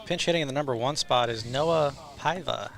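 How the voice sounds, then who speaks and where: A man's voice: medium pitch, a little fast. A man giving live play-by-play commentary as a baseball announcer.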